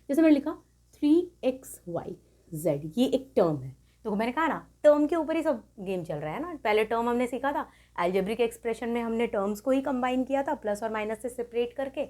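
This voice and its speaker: A woman tutor explaining a math lesson to students, often asking whether they have understood and stressing key points. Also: mid-range voice. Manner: repeats checks like "clear?", lively emphasis.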